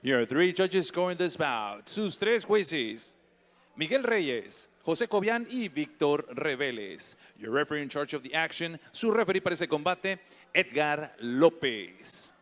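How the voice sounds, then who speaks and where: A man working as a ring announcer, giving formal bilingual fight introductions and drawing the fighters' names out into long booming calls. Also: very animated, unhurried, fairly bright tone.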